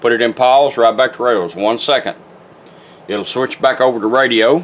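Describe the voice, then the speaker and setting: Over a car radio playing news and music, a man who restores car radios walks through a hands-on demo in homey, plain language with brief steps. He speaks a little fast in a mid-range voice.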